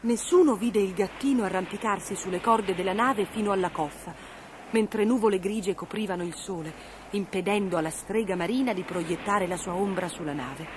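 Woman, storybook narrator, expressive reading, middle pitch, faint hiss.

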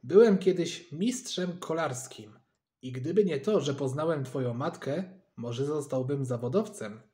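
A man voicing a proud, quarrelsome middle-aged father in a storybook reading, gruff and indignant. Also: on the high side, measured pace, mellow, lightly acted.

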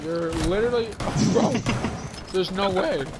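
A man chatting excitably while playing an online shooter, laughing and exclaiming often. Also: sits high, measured pace, very noisy. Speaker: gamer. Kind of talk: casual gaming chat.

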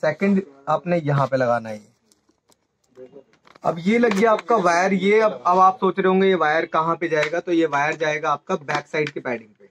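This motorcycle gear channel presenter has a slightly high, fairly bright voice and speaks at a moderate pace, guiding viewers step by step through a hands-on tutorial in a small indoor room. The recording is rough, with faint background noise and clicks.

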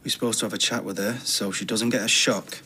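An actor playing a reproachful friend in a British TV soap. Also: male voice, on the low side, steady tone, quick pace, noisy background, lightly acted. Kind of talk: naturalistic British TV soap acting.

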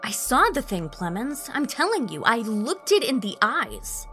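A woman's voice: fairly high pitch, big pitch swings, measured pace, bright, forceful tone, faint music behind, pitched above the performer's own voice, full character voice. Woman voicing a commanding male sergeant, firm orders, raised voice. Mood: earnest. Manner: commanding, insistent.

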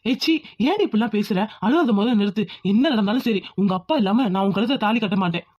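A woman's voice: mid-range voice, lively intonation, quick pace, a little mellow, muffled recording, close to an everyday voice. A woman voicing a young village groom in a cartoon, soothing but firm and insistent. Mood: reassuring. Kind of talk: cartoon voice acting.

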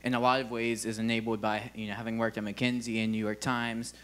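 A man's voice: fairly low pitch, level tone, fairly quick, a bit bright, clear, resonant tone. Young man, slightly mumbled from a sore jaw. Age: young adult. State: mumbled speech from a sore jaw after wisdom teeth removal. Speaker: student audience questioner. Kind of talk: casual question to a speaker on stage. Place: on stage in a wood-panelled hall with an audience. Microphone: handheld microphone.

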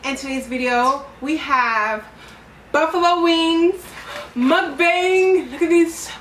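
A woman's voice: sits high, slow pace, fairly bright tone. A young woman chatting casually as host of a mukbang eating vlog, recorded indoors by a camera a few feet away. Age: young adult. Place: indoor room, at a table. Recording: roomy, distant mic, faint noise.

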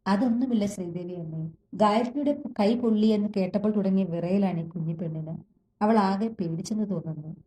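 A woman's voice: mid-range voice, normal speed, lightly acted, poor audio. A woman doing a scheming young woman. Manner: smooth, hushed and controlling.

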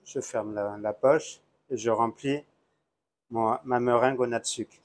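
Chef in a hotel kitchen. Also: male voice, medium pitch, fairly even intonation, measured pace. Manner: plain, step-by-step explaining while working. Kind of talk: cooking demonstration. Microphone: lapel mic.

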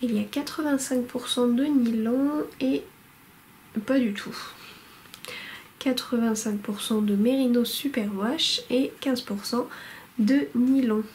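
A woman's voice: on the high side, slow, a little mellow, slight background noise, low-quality recording. A woman showing her newest yarns in a casual vlog, chatty and hesitant, full of fillers and restarts, at home by a window. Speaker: knitting vlogger showing yarn purchases. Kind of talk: casual show-and-tell vlog. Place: home room lit by a window.

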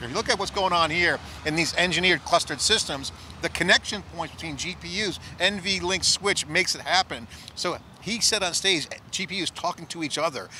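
A middle-aged man hosting an on-site tech analysis chat outdoors with a handheld mic, talking in a rapid, enthusiastic, riffing way. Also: fairly high pitch, bright, forceful tone, a little hiss or hum. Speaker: tech show host. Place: outdoor plaza at a conference.

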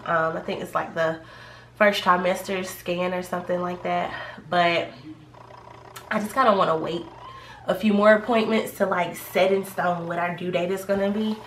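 Woman vlogger, casual and rambly, a bit stuffy-nosed, lowish voice, faint hiss behind. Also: fairly even intonation, normal speed, fairly bright tone. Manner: chatty and rambling, many fillers. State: a little congested from a cold. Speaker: pregnancy vlogger. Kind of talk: casual vlog talk to camera. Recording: echoey room, faint background noise.

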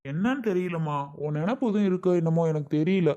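A man's voice: sits high, animated, fast talker, dark tone, muffled recording. A man playing a young husband and father who talks insistently and repeats himself. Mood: coaxing. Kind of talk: family skit acting.

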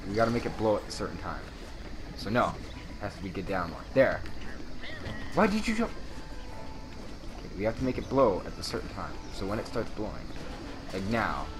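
A man's voice: lowish voice, animated, brisk, pauses often, background noise. A young man giving casual, profane, exasperated commentary while playing a co-op video game. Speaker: let's play gamer. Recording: game music over the voice. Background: video game music and sounds.

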